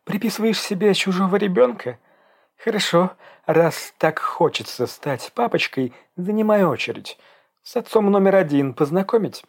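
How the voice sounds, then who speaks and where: A man voicing a defiant, sharp-tongued young pregnant woman in an audiobook, with biting, mocking retorts. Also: sits high, expressive, moderate pace, gravelly, pitched above the performer's own voice, heavily acted. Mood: furious defiant.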